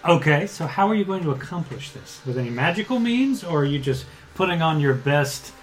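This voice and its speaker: Higher-voiced man narrating as game master. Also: animated, faint music behind. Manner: halting, rephrases as he describes. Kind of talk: improvised tabletop game narration.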